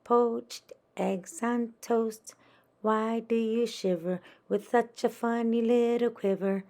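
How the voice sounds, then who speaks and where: A woman voicing a picky little girl animal in a children's storybook, with a plaintive, sing-song, drawn-out delivery. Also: fairly high pitch, fairly even intonation, darkish tone, pitched above the performer's own voice.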